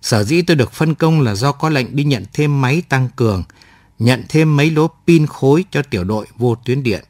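Male audiobook narrator, mid pitch, expressive scripted storytelling with a lively melody. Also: normal speed, dry recording, studio quality. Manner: expressive storytelling, pitch rising and falling widely. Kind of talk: scripted first-person war story narration.

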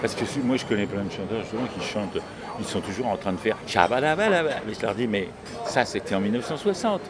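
A man, a singer-songwriter guest, talking in a casual radio conversation, animated, opinionated and a bit cynical. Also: on the low side, quick pace. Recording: busy crowd noise behind.

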